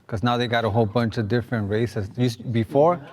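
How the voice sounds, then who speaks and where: A man's voice: medium pitch, brisk, darkish tone. A middle-aged man speaking in a reflective, plain-spoken way as a guest in a group discussion.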